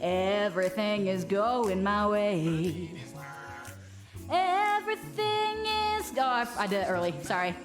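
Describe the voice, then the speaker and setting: A woman's voice: medium pitch, animated, takes it slowly, echoey room, over music. Woman streamer run through a voice changer filter, joking, some silly singing. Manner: joking, sings goofy song lines. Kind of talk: casual stream chat.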